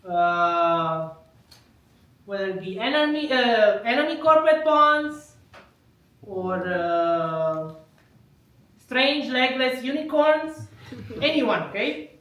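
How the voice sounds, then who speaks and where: A woman comedian does live prop stand-up in an unhurried, bright voice that swoops up and down, and she chuckles at her own puns. Her voice is high. The recording is echoey and the mic sits at a distance. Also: sing-song. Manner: wry wordplay, laughs at her own jokes.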